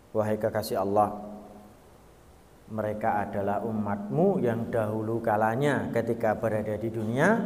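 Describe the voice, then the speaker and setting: A man with a Javanese accent preaching a sermon, telling a story dramatically with swings between hushed whispers and loud exclamations. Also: mid-range voice, slight background noise. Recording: long hall reverb.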